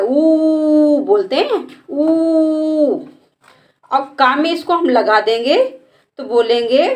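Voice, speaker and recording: Casting: woman teacher, high voice, very slow and patient, repeats every sound. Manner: patient, repeats each sound and asks the class to answer. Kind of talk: slow step-by-step lesson.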